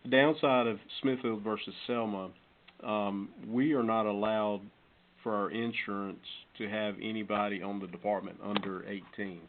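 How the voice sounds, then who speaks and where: Speaking to council during a budget meeting, the fire chief answers questions in a straightforward, explanatory manner. His voice is on the low side with fairly even intonation at normal speed, heard through a phone-quality conference call with noise and clicks.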